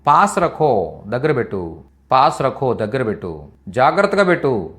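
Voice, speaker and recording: A man's voice: medium pitch, very animated, normal speed, a bit bright. A man teaching in a live online language class, repeating each phrase patiently for students. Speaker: Hindi teacher.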